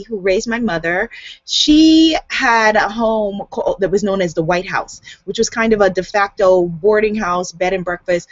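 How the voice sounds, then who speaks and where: A US-born woman author with a light Guyanese accent chats casually to camera on a video hangout, laughing often. Her mid-range voice is captured by a webcam in a dull, dry home recording.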